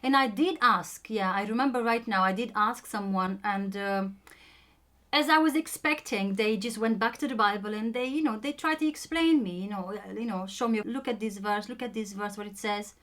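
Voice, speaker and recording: A woman's voice: mid-range voice, moderate pace, fairly bright tone. A young woman with a Romanian accent, a native Romanian speaker telling her own story in a casual chat, hesitant and full of ums and restarts.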